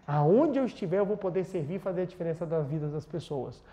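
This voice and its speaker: A man's voice: a little high, lively intonation, fast, mellow. Earnest Brazilian man giving spiritual talk. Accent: Brazilian Portuguese. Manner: earnest, repeats words for emphasis. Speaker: spiritual lecturer. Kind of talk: spiritual talk and guided meditation.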